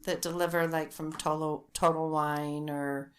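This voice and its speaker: A middle-aged woman co-hosting a podcast, chatting casually over wine and telling animated stories. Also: low-pitched, a little slow, a little hiss or hum. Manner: chatty, animated storyteller with quoted voices. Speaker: podcast co-host.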